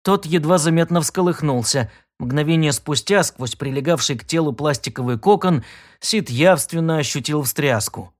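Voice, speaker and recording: A man narrating a science fiction audiobook in steady storytelling. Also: fairly high pitch, moderate pace. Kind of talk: scripted narration.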